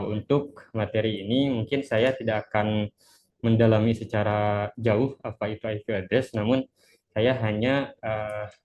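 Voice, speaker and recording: Wearing a face mask, the webinar presenter politely and hesitantly delivers an introductory online lesson, sounding slightly unwell. He is twenty and from Cianjur in West Java, Indonesia, with a lowish, darkish voice. Slight background noise sits under the muffled, dull lo-fi recording.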